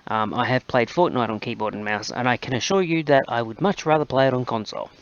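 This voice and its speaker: A man's voice: medium pitch, quick pace, muffled recording. A man hosting a gaming channel, chatting casually and rambling with plenty of fillers as he plays. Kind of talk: casual gameplay commentary.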